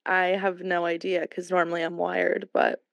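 A hungover American woman in her twenties with a worn voice and vocal fry, chatting casually as a podcast co-host. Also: on the low side, flat delivery, moderate pace, no echo. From San Francisco Bay Area, USA. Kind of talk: casual chat.

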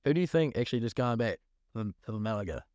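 A man's voice: mid-range voice, animated, fast talker, a little mellow, no room sound, clean studio sound. A man with a broad New Zealand accent in casual, matey, slangy conversation. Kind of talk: casual chat.

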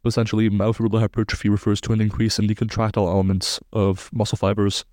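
A man's voice: fairly low pitch, completely flat delivery, racing, darkish tone, no room sound, clean studio sound. A man in his twenties from Belgium, a sports science researcher, explaining studies precisely and technically as a podcast guest. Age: 20s.

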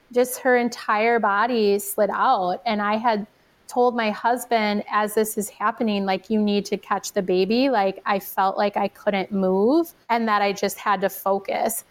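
A woman's voice: medium pitch, steady tone, unhurried. A young adult woman telling her own story as a podcast guest, chatty, with a lot of "like". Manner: chatty, fills speech with "like". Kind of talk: personal storytelling in casual conversation.

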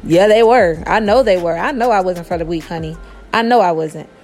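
A woman's voice: on the low side, fairly quick, darkish tone, faint music behind. A woman in her thirties hosting a podcast, talking casually and directly to her listeners. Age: 30s. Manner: chatty, talks straight to listeners with "y'all". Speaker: podcast host. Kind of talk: casual monologue.

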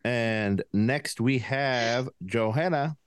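A man's voice: mid-range voice, extremely slow, smooth. Lisping man hosting a podcast. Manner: lisp, laughs often. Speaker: podcast host running a game draft. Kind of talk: casual podcast chat.

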